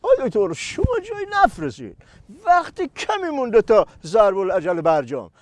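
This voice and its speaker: A man plays the host in a scripted political satire, throwing playful, needling questions at his guest. His voice is very high and swings widely in pitch. The sound is close and dry. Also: huge pitch swings, dry recording.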